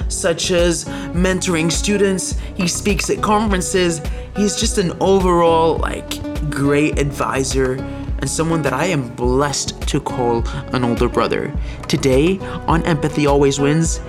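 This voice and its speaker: A man with a fairly high voice hosting a podcast over a call. He introduces his guest with enthusiasm and asks long, rambling questions. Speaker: podcast host. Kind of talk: podcast interview. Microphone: remote call.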